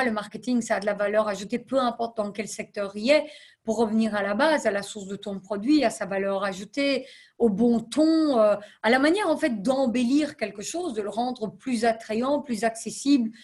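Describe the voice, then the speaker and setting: Her voice on the high side and her pace moderate, the thirty-something nonprofit CEO answers a podcast's interview questions with care. She hesitates frequently and drops in English business terms.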